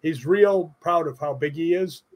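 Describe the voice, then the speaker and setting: A man's voice: on the high side, unhurried. An older man, a guest on a video call, telling joking stories with chuckles. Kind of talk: casual video-call interview.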